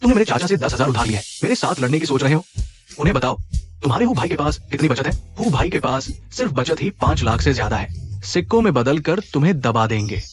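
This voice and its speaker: A man's voice: medium pitch, very animated, fast, faint music behind, close to an everyday voice. A man voicing a swaggering, boastful village bully who taunts his rival in a dubbed drama. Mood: gloating.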